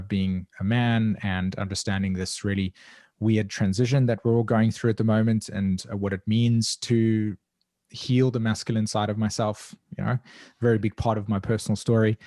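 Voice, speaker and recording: A man with a South African accent, an evolutionary astrologer appearing as an interview guest, speaks in a reflective, earnest, introspective way and often searches for his words. His voice is fairly low and darkish, captured in clean studio sound with no echo.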